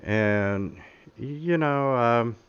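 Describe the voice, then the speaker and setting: Hesitant game master, smooth voice. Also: male voice, mid-range voice, drawn-out words. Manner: hesitant, full of "uh" and "you know". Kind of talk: narrating a tabletop game. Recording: dull lo-fi recording.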